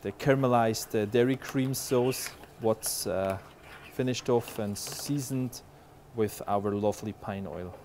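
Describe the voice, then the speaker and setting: A head chef, a man in his 40s, describes his dish as he cooks it in a spacious restaurant kitchen. His voice is on the low side and a little slow, yet he barely pauses, keeping a relaxed, explanatory tone peppered with "uh." The lapel mic captures a gentle background hum.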